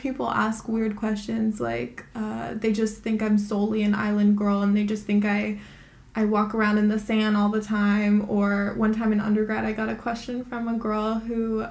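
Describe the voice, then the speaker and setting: A woman's voice: medium pitch, darkish tone, echoey room. A young woman from Hawaii co-hosting a podcast, chatting in a laid-back way and laughing easily. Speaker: podcast co-host. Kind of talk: casual chat.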